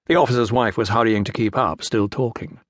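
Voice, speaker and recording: A man narrating a historical novel as an audiobook, reading in a measured, even way. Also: fairly low pitch, no echo. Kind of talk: scripted narration. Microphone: close studio mic.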